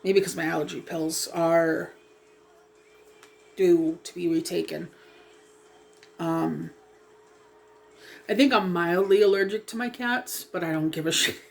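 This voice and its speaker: This woman's voice is fairly low, steady, and gravelly, moving at a measured pace with long pauses. In a casual hair-dye vlog she rambles and hesitates, saying um a lot and apologizing for herself, with a sniffly, slightly froggy sound from a lingering cough.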